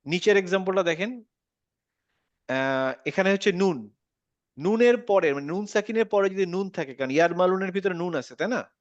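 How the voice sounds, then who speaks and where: A man's voice: high voice, lively intonation, moderate pace, pauses often, no room sound, dull audio. A man teaching a Quran recitation lesson, patiently repeating words and checking that his student follows. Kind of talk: online tajweed lesson.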